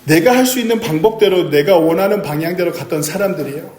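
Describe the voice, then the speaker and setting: A man's voice: high-pitched, fast talker, darkish tone. Earnest man preaching in an echoey church. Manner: earnest preaching with rhetorical questions to the congregation. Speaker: pastor. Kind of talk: sermon. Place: church sanctuary.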